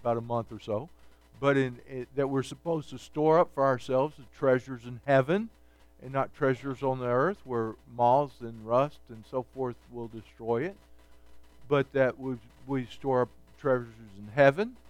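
In dull audio, a pastor with a medium-pitched voice and fairly even intonation speaks at normal speed during a midweek Bible study sermon. He reads scripture aloud, explains it conversationally, and checks in often with "okay" and "all right."

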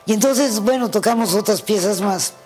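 A woman's voice: medium pitch, moderate pace, faint music behind. A woman, a pianist, telling anecdotes in an interview, acting out the voices in her stories. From Mexico. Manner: animated storyteller who acts out the voices in her anecdotes. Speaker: pianist guest. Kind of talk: storytelling in an interview.

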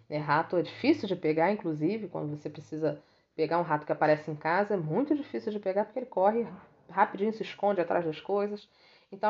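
Patient woman teacher, gravelly low voice. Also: darkish tone, dull audio. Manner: patient, explains step by step, slows down for English examples. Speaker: English teacher. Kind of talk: recorded lesson audio.

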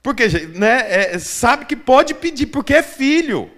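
A man's voice: very high-pitched, big pitch swings, slow, fairly bright tone. A man preaching a sermon to a small church congregation, acting out the voices of the people he quotes. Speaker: pastor.

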